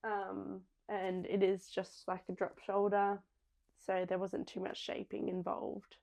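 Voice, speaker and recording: A woman's voice: mid-range voice, completely flat delivery, unhurried, gravelly, a little mellow. A young woman hosting a podcast, chatting casually and rambling with many ums and small restarts. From Australia. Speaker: podcast host. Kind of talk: casual chat.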